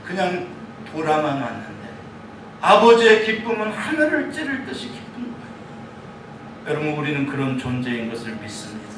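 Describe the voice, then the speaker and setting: A man preaching a sermon as a pastor, telling the story in an animated way and asking the congregation questions. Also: fairly high pitch, moderate pace, very echoey, distant mic, noisy background. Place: church sanctuary.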